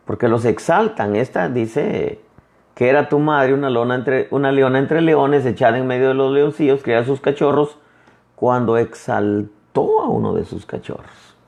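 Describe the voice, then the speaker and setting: Male pastor, conversational sermon, animated pitch, gravelly tone. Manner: conversational preaching, addresses listeners as brother; retells dialogues in lively quoted voices.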